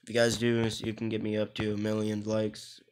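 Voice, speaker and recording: A man's voice: lowish voice, completely flat delivery, brisk, a little mellow, clean tone. A young man with an Irish accent chatting casually over his mobile game footage, rambling and often restarting his words. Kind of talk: casual gaming commentary.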